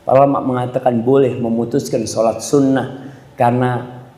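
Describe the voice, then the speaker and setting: A man's voice: level tone, normal speed. Man, preacher, sermon, tells stories and acts out voices, addresses the congregation, roomy reverberant hall. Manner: storytelling, acting out quoted voices with sharp pitch jumps. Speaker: Islamic preacher.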